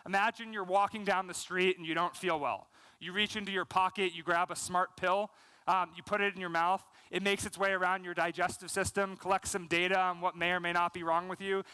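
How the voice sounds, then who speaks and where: An American man in his thirties, voice high-pitched and smooth, headlines a conference from a large stage, talking fluently with frequent "um" and "you know." He's full of energy and gestures while speaking. His headset mic picks up no room sound, but the recording is low quality.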